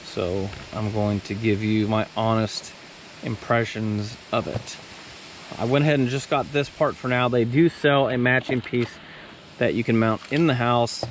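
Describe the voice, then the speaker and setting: A man with a medium-pitched voice casually and plainly narrates a hands-on how-to, explaining step by step as he reviews and installs a product. The audio is poor, with clear background noise and ambient sound.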